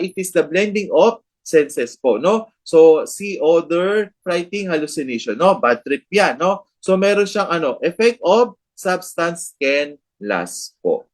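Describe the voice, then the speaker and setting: Filipino man giving a lively review lecture. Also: fairly high pitch. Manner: mixes English terms into Tagalog, tags lines with "no?" and "di ba?".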